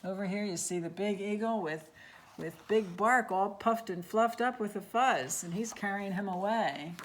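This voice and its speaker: A woman reading a picture book aloud at storytime, expressive, with asides about the pictures. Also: mid-range voice, normal speed, a little hiss or hum. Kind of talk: read-aloud storytime with voices.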